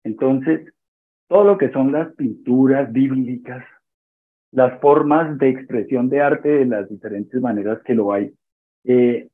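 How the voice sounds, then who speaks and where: A man with a husky, slightly breathy voice teaches a church discipleship class to an online group. He speaks in a measured way, often restating a phrase or pausing to find the right word. The sound is thin and phone-like, as on a video call. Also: mid-range voice. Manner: measured, restates phrases and pauses to search for words.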